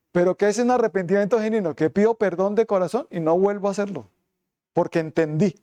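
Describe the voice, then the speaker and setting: High-voiced pastor preaching a sermon. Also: male voice, normal speed, dark tone. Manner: emphatic preaching, repeats "amén" often; voices God and sinners in quoted asides.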